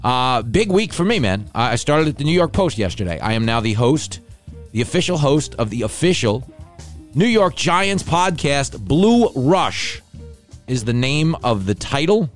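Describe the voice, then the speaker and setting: A sardonic middle-aged man hosts a podcast in a loose comedic monologue, sitting at a middle pitch. His rant swings between loud outbursts and low mutters. Faint music hums underneath. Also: measured pace. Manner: animated, ranting, sardonic. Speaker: podcast host.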